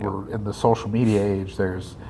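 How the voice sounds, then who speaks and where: Low-voiced man in his thirties. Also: little pitch movement, normal speed, noisy background. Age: 30s. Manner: thinks aloud, checks in with "right?". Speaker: podcast co-host. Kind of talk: casual faith podcast chat.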